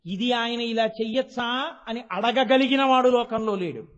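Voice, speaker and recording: A man delivers a devotional discourse in a very high, ringing voice, telling a sacred story with emphatic rises and falls. He briefly voices the characters as he goes. The audio is dull and lo-fi. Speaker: religious discourse speaker.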